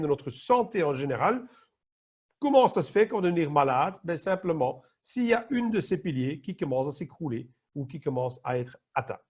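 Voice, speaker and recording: An emergency nurse and wellness trainer from Flanders, Belgium, speaks with a Flemish accent while explaining material in an online training presentation, occasionally groping for words. His voice is high, husky and a little mellow.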